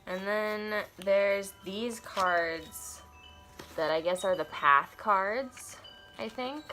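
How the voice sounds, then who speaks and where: Over soft background music, a woman in her twenties speaks extremely slowly in a mid-range voice that sounds pushed and bright. She's a congested tarot and oracle deck reviewer unboxing an oracle deck in her cluttered bedroom, chatting casually, thinking aloud with wandering asides, and reading passages aloud.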